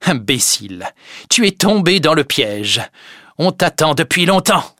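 Coarse, scornful middle-aged woman voiced by a man, raised pitch, loud. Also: big pitch swings, measured pace, no echo, clean studio sound. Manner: scornful and triumphant.

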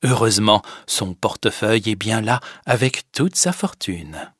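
A man narrating a story with a slow, clear, deliberate reading. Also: fairly low pitch, fairly bright tone, dry recording, studio quality. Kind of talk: scripted audiobook narration.

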